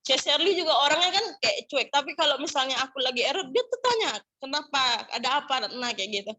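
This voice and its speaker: A woman's voice: sits high, expressive, fast talker, pushed and bright. A young adult woman giving a candid, chatty personal testimony at a church gathering. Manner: candid, chatty, mixes in regional words.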